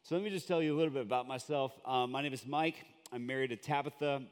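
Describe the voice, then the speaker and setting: A Colombian man gives a conversational sermon as a guest in a church sanctuary, chatty and joking with plenty of fillers. His mid-range voice is fast and smooth, with a big-room sound.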